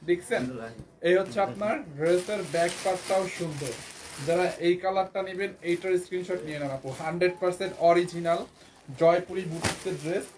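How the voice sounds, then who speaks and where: A hoarse man from Bangladesh rattles through a live sales pitch at high speed, his voice pitched a little high. He keeps repeating and coaxing viewers as he shows off clothing, with faint room noise behind. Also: fairly even intonation, a little fast. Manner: repetitive, coaxing, calls viewers "apu". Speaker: clothing seller.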